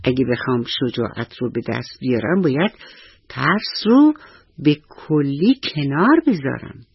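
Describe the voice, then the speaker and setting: A man's voice: mid-range voice, lively intonation, gravelly, breathy edge, no echo, muffled recording, exaggerated voice. A man voicing a timid scarecrow who worries aloud in a children's radio story. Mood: fretful.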